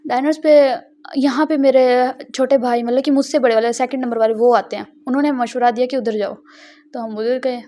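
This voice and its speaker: A woman's voice: high voice, fairly even intonation, fairly quick, mellow. A young woman, rambling and giggling as she tells a casual vlog story. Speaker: vlogger. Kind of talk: casual chatty vlog narration.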